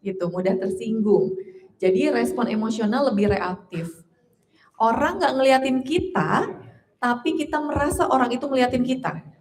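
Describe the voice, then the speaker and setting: A woman's voice: fairly high pitch, moderate pace. A woman in her late thirties giving a casual, chatty workshop talk to an audience. She laughs often and acts out the voices of the people she quotes. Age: 30s. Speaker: trainer.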